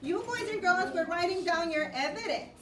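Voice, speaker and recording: A woman with a very high voice teaches a class of young children. She prompts them with questions and repeated instructions. The recording is distant and roomy, with clear noise around her. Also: lively intonation, moderate pace. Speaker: elementary school teacher. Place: indoor school classroom.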